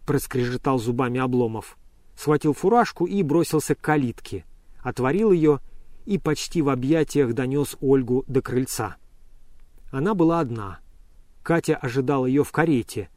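A man narrating a classic novel in a measured reading voice. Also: medium pitch, darkish tone, no echo, clean studio sound. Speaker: audiobook narrator.

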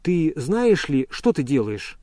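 Flustered, pushy gentleman as a male reader plays him, raised voice, dry. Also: a little high, very animated, takes it slowly, no room sound. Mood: agitated. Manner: insistent, pushy. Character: agitated nervous gentleman, insistent and flustered.

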